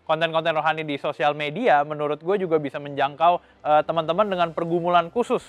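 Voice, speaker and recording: A man in his twenties giving his opinion in a quick, confident, casual way. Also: fairly high pitch, dry recording. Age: 20s. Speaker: discussion participant.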